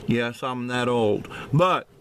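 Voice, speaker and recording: A man's voice: medium pitch, a bit bright. A man explaining casually to a camera at home, hesitant and repetitive, his speech a little slurred from a swollen mouth. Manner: hesitant, halting, often repeating himself. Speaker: amateur video blogger. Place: indoors at home by a window. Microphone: handheld camera microphone. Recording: noisy handheld camera recording.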